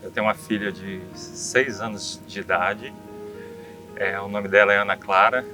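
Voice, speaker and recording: A man's voice: lowish voice, fairly even intonation, normal speed. A father in his forties introducing himself plainly in an interview. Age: 40s. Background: music.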